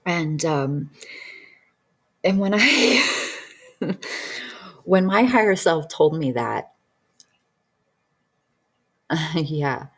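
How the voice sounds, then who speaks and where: Speaking extremely slowly with long pauses, a low-voiced woman in her thirties recounts her experience as a healing practitioner in a casual, rambling way. Her tone is animated, a bit bright and slightly rough, and she often uses fillers and starts over.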